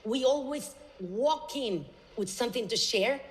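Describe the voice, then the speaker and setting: A woman delivering a prepared, inspirational stage talk in a measured way. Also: on the high side, animated, low-quality recording. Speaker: speaker.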